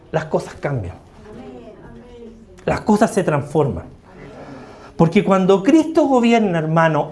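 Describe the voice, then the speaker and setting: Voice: mid-range voice, darkish tone. A preacher delivering a sermon, repeating key phrases for emphasis and asking the congregation rhetorical questions. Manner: tells everyday stories with acted quotes.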